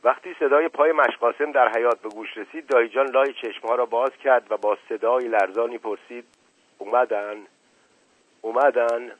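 A man with a fairly low voice reads a novel aloud. His audiobook narration is lively and dramatic. He leans into the tense moments of the story. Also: breathy edge, phone-quality sound.

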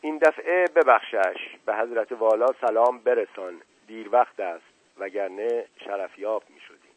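A composed, imposing nobleman who speaks with calm authority, as a man reads him in an audiobook. The sound is thin and phone-like. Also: on the low side, slightly rough. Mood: commanding. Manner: composed and commanding. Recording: tinny, dry, phone-like sound.

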